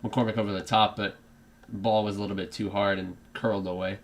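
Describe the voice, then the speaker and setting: Guy w a put-on british accent calling a football match live, kinda low voice, rambling and going off topic. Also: flat delivery, fairly quick. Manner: rambling, many fillers and restarts, drifts off topic. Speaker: fan streaming a live match reaction. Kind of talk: live football reaction commentary.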